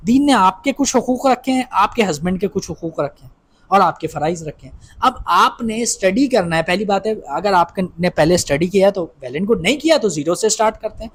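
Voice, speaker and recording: A man's voice: high voice, lively intonation, breathy edge. A man giving an instructive advice talk to wives, dropping English phrases into his speech and often asking "right?" to check in. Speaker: marriage advice speaker.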